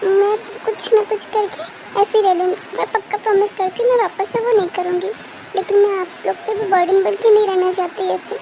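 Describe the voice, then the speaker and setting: A woman's voice: very high voice, fairly even intonation, fairly quick, background noise. A woman voicing a heartbroken young woman who stammers and sobs through her words. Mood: tearful.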